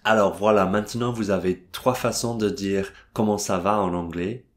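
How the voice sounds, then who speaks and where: A man's voice: on the low side, steady tone, normal speed. An Englishman speaking French as a second language, teaching English phrases in a hesitant way, with many fillers and restarts. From England. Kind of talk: video language lesson.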